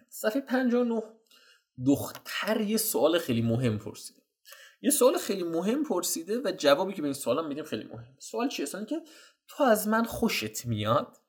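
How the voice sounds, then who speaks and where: Animated slangy man coaching on dating. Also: a little high. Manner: slangy, animated, addresses viewers as "guys". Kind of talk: casual teaching, reviewing chat screenshots.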